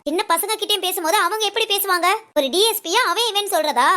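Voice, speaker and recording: Woman voicing nosy ashram friend, chatty, teasing, high-pitched. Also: quick pace, pushed and bright. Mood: scolding. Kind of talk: audio story dialogue.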